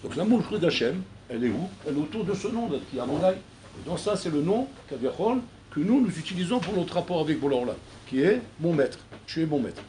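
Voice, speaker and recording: A man, a rabbi, giving a recorded Torah class, animated and acting out dialogues between figures, mixing in Hebrew terms. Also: fairly high pitch, fairly quick, slight background noise.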